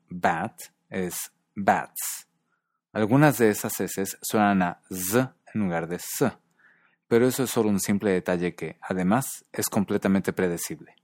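A man narrating a scripted language lesson in a calm, measured way, carefully pronouncing foreign example words. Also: sits low, no echo, studio quality.

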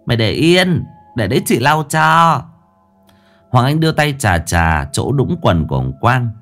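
A man narrating a horror story expressively, building suspense. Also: on the low side. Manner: expressive, rising and falling for suspense.

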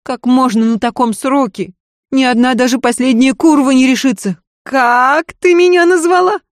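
Brief: high shrill hysterical noblewoman, bitter and volatile, put on by a woman reader, dry close audiobook read. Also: moderate pace, dry recording, lightly acted. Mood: furious. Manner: shrill, screaming, sobbing outbursts.

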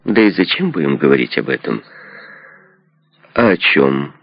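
A man's voice: a bass voice, very animated, measured pace, no room sound, exaggerated voice. A man voicing a sardonic, probing detective in a book reading. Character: cynical, mocking male detective. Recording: dull lo-fi recording.

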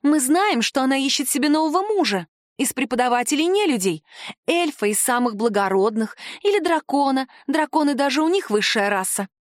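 Brief: woman doing a chattering young student girl, raised pitch, gossiping, audiobook figure. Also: expressive, fairly quick, no room sound, studio quality.

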